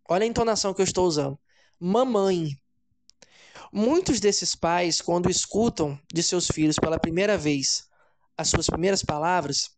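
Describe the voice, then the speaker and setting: A man, hosting an explanatory psychology talk in a measured, deliberate way, often asking "né?" and slowing down on key words. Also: high voice. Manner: measured, deliberate, often adds "né?" and slows for emphasis. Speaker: host.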